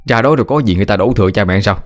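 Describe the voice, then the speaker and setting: A man's voice: lowish voice, faint music behind, natural voice. A man voicing a cheeky, loose-tongued young male villager, in a read-aloud ghost story. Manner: blunt, gossipy, fast.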